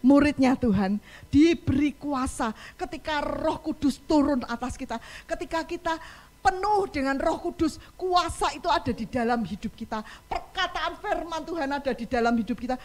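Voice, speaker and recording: A woman pastor delivers a passionate sermon in church, her high-sitting, darkish voice moving with lively intonation at a normal speed. She is impassioned, acting out pleading cries for help.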